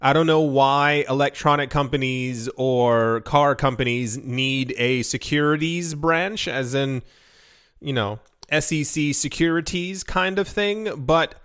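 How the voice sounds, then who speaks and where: A man's voice: medium pitch, measured pace, fairly bright tone, clear, resonant tone. A man hosting a crypto news show, reading headlines and drifting into chatty, rambling asides full of fillers. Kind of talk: casual news commentary.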